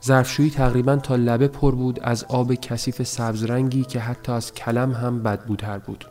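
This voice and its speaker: A man narrates a novel as an audiobook, reading in a measured, even storytelling style with a mid-range voice over soft background music.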